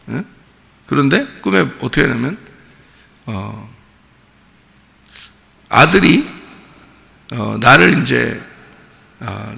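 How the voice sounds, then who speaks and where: A man's voice: medium pitch, gravelly, sharp tone, long reverb tail. A man preaching a sermon as pastor, talking to the congregation in a conversational way and asking rhetorical questions.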